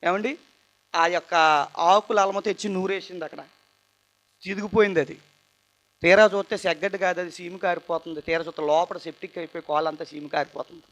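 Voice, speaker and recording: High-voiced young man giving a church testimony. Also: steady tone, a little fast, long pauses. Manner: earnest, swings between loud outbursts and quiet asides. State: tired. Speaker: testimony speaker at a church youth meeting. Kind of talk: emotional testimony sermon.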